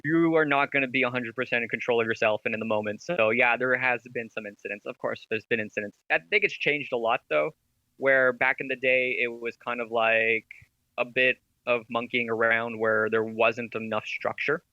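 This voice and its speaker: Man, podcast guest, animated storyteller, bright forceful tone, dull lo-fi dry recording. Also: medium pitch, moderate pace, no room sound. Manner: animated storyteller, laughs often. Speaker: esports veteran and gaming company CEO, guest. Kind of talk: casual podcast interview.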